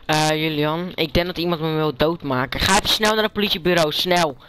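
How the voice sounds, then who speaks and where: A male vlogger giving live gaming commentary, making urgent, hurried calls to a teammate. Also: on the high side, sharp tone, a little hiss or hum, poor audio.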